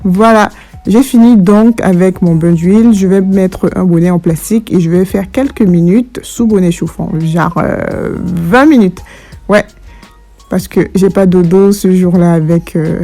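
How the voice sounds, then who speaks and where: Mellow-voiced woman chatting through a hair tutorial. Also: lowish voice, unhurried. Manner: informal, addresses viewers directly. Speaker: hair care vlogger. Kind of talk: casual chatty tutorial narration. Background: faint background music.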